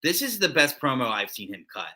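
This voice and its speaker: Man, co-host, casual podcast chat, rambling, fillers and restarts, very bright tone. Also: mid-range voice, very animated, brisk. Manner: rambling, many fillers and restarts, laughs often. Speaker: co-host of a wrestling recap show.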